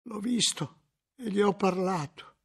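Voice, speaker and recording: A man's voice: high-pitched, unhurried, breathy edge, full character voice. A man reading an audiobook aloud, voicing a frightened male monk who stammers his answers under interrogation. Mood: fearful. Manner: stammering, fearful, quiet.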